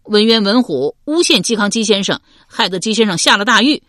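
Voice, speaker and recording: A woman voicing a hot-tempered young man, the son of a wine-shop keeper, who speaks in loud, rapid outbursts. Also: mid-range voice, lively intonation, no echo, studio quality, pitched above the performer's own voice, natural voice. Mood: angry.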